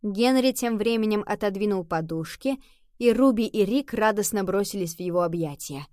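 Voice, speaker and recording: A woman's voice: mid-range voice, expressive, moderate pace, a little mellow, no room sound. Woman reading a storybook, dry and close. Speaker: narrator. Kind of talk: audiobook narration.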